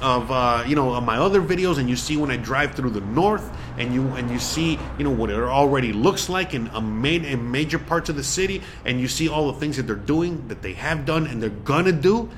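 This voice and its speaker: A man in his forties from Miami talks straight to his audience in a loose, rambling way, full of "you know" and restarts. His voice sits at an ordinary middle pitch, and a faint hiss of background noise lies under it. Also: animated, a little fast, few pauses, fairly bright tone. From Miami, USA. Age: 40s. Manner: rambling, filler-heavy, emphatic. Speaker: vlogger. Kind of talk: casual vlog monologue.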